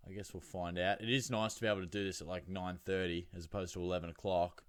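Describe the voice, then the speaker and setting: Casting: Australian male host, fairly low voice, dry close sound, slangy laddish solo chat. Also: level tone, quick pace, clear, resonant tone, no room sound. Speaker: fantasy football show host. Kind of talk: casual solo chat with anecdotes.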